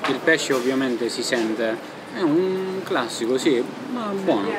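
A man's voice: medium pitch, animated, slow. A young man tasting food for a casual vlog, talking with his mouth partly full and chewing between words. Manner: chewing while talking, thoughtful tasting remarks. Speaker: food vlogger. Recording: noisy outdoor ambience.

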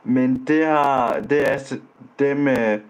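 A male vlogger in casual online chat, speaking at a middle pitch. He is blunt and teasing, and he stumbles and restarts his sentences as he goes. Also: steady tone, clean tone, rough recording. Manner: blunt, teasing, trips over words and restarts. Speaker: vlogger chatting with strangers online.

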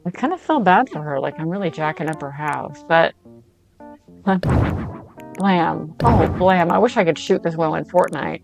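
A middle-aged woman with a low, gravelly voice chats playfully as she plays a game for the first time. She talks back to the characters on screen and pokes fun at herself, with faint game music underneath. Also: animated, moderate pace, low-quality recording. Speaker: gamer's mother playing a game. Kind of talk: casual play-along chat.

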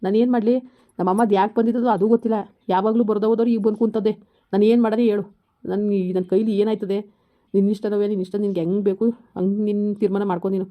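A woman's voice: mid-range voice, little pitch movement, natural voice. A woman playing an exasperated husband. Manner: rapid, exasperated, scolding. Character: harried husband caught between wife and mother. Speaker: husband in a family skit. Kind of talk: village comedy skit acting. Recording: slightly dull lo-fi recording.

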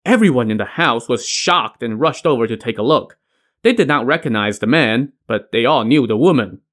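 A man's voice: medium pitch, lively intonation, normal speed, fairly bright tone. A man narrating a classic tale as a podcast host, in a wry tone with dry asides. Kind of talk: storytelling narration.

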